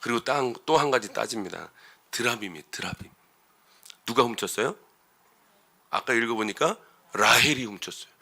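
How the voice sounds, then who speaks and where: Male pastor, middle-aged, bright forceful tone, chatty sermon full of rhetorical questions. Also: mid-range voice, animated, moderate pace, creaky, pauses often. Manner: conversational preaching with rhetorical questions, rising to emphatic outbursts. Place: church sanctuary.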